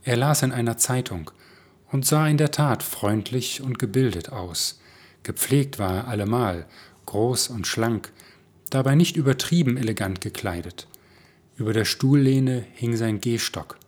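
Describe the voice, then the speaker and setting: A man calmly reading aloud his own story as narrator. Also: medium pitch, slightly rough. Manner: calm, measured. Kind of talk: scripted narration.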